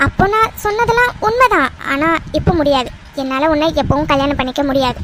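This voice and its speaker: A woman's voice: sits high, animated, quick pace, fairly bright tone. A woman voicing a young cartoon woman who is fiercely devoted to her sweetheart and talks in a pleading, scolding way. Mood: teasing. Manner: pleading, then scolding and tearful. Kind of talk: cartoon voice acting. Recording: noisy recording.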